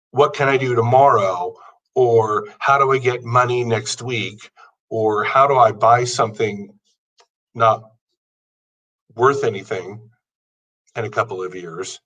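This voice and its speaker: This podcast host, a man in his fifties, gives an earnest motivational monologue, stacking up his points in long lists. His medium-pitched voice has a fairly bright tone, recorded roughly from a distant mic.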